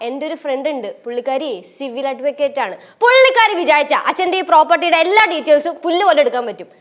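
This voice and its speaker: An actress playing a brash, pushy young married daughter in a TV sitcom. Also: female voice, sits high, animated, fast talker. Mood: demanding. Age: young adult. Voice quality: pushy, sassy. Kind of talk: TV sitcom acting. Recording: TV sitcom with faint music.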